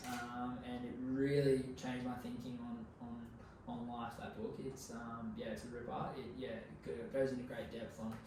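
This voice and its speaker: A young Australian man talks as a relaxed interview guest, using plenty of slang and swearing. His voice is picked up from a distance in a very echoey room, with clear background noise. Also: mid-range voice, normal speed, few pauses. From Queensland, Australia. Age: 20s. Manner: laid-back, slangy, sweary. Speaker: podcast guest. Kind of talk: casual conversational interview.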